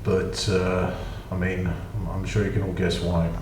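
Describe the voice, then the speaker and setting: In a monotone at a measured pace, a very low-voiced British gaming channel host loosely narrates his gameplay, mixing in dry asides that mock himself. The distant mic captures an echoey room with clear underlying noise.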